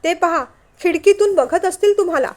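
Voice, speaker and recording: A woman voicing a kind, earnest young woman who pleads warmly, in a storybook reading. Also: extremely high pitch, normal speed, pitched above the performer's own voice. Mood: pleading.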